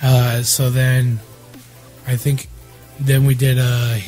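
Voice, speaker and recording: A young man co-hosts a relaxed chat, his voice strained and worn from being sick. He rambles loosely through his stories and swears freely. Faint music plays under the talk. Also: medium pitch, slow pace. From Iowa. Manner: profane, rambling storytelling. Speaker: podcast co-host. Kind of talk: casual chat.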